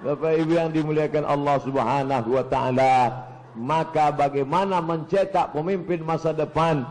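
A male preacher giving a sermon in an animated, joking way, full of rhetorical questions. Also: fairly high pitch, poor audio.

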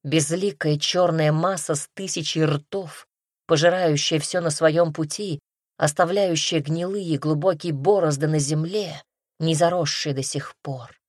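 A woman reading fantasy prose as an audiobook narrator, in an even storytelling manner. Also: sits low, unhurried, dry recording, studio quality. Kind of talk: scripted narration.

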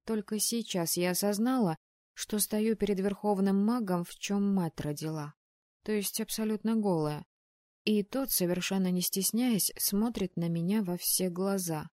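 A woman telling a first-person story as an audiobook narrator, expressive and steady. Her voice is warm and mellow, captured dry on a close mic with no room around it. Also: medium pitch, moderate pace, dry recording.

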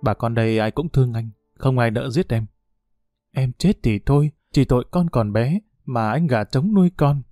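A man voicing a soft, menacing young cadre. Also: medium pitch, normal speed, no room sound, clean studio sound, faint music behind, lightly acted. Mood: quiet, controlled. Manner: soft-spoken, controlled. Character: young male village cadre, calm and quietly menacing.

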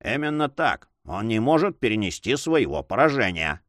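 A man voicing a hypocritical old judge who talks in a drawling, flattering, prim way. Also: fairly low pitch, moderate pace, no echo, clean studio sound. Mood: gloomy. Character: hypocritical old male judge, pious and fawning.

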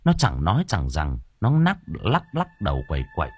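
A man narrating an audio novel in an expressive storytelling style. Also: sits low, normal speed, slight background noise.

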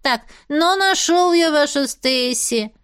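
A woman voicing a sly, boastful male talking tomcat in a storybook reading, in a high, playful voice. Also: animated, slow pace, fairly bright tone, dry recording, studio quality, exaggerated voice. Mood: cheeky.

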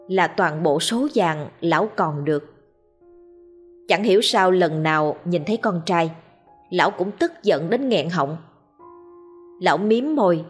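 A woman narrates a ghost story with steady drama. Her voice sits low and sounds breathy, with soft music underneath.

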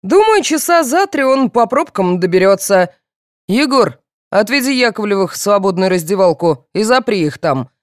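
A stern, dry police officer, read by a woman, giving clipped orders with calm authority. The voice swings lively in pitch and sits close and dry. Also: normal speed, no echo, close to an everyday voice. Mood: curt, commanding. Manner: curt, commanding, dry. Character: stern middle-aged male police officer, unflappable. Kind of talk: audiobook character voice.

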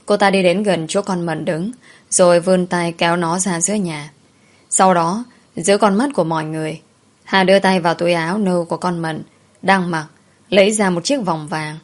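A woman reading a story aloud in a calm, even scripted narration. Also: on the low side, normal speed.

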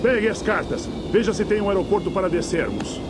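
A pilot in a cockpit emergency. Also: male voice, high voice, sing-song, fairly quick, noisy background. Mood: urgent. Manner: urgent, clipped cockpit radio calls. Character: airline captain in a cockpit emergency. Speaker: airline captain. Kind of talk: dubbed film acting.

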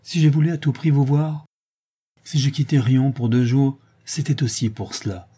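A man's voice: medium pitch, moderate pace, dark tone, breathy edge, pitched above the performer's own voice, close to an everyday voice. A man voicing a desperate middle-aged mother who pleads and protests to defend her accused son. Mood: anguished. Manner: pleading, indignant, breaking into cries.

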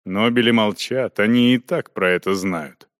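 In scripted audiobook narration, a man with a voice on the low side tells the story in a measured, expressive manner. The recording is dry, with clean studio sound.

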